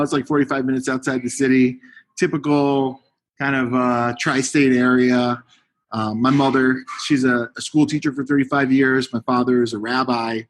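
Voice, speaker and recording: Easygoing male guest from Connecticut, middle pitch, rambling. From Connecticut, USA. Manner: relaxed, rambling, many "uh" and "like". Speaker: guest, fitness coach. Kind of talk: podcast interview.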